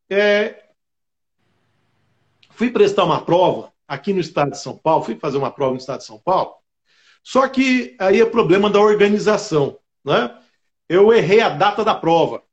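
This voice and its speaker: A man's voice: sits high, dull audio. A middle-aged man from Brazil, a state attorney, telling a personal story in an interview, often adding "né". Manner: animated, fills with "né" often.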